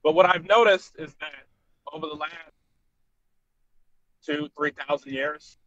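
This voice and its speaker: A man's voice: a little high, unhurried, fairly bright tone, no echo. A man arguing earnestly on a group video call from a tablet, his voice cutting in and out as the connection drops. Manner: earnest, argues in broken fragments. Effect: voice cutting in and out over a weak online call connection. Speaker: hangout participant. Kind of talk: casual debate on a group call. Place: on the road. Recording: dry, muffled call audio.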